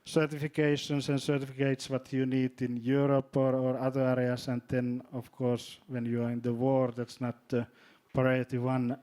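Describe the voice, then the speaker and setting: A man from Finland with a Finnish accent, speaking as a panelist in a hesitant way, often repeating words and filling pauses. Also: mid-range voice, flat delivery, mellow. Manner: halting, repeats words, many fillers. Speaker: panelist, drone company executive. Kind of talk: panel discussion.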